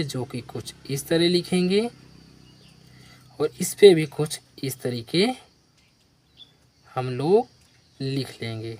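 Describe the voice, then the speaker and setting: A man's voice: on the high side, a little mellow. A man teaching beginners, spelling out words letter by letter and asking questions back to the learner. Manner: spells letters one by one and asks the viewer to repeat. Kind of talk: slow spelling lesson for beginners.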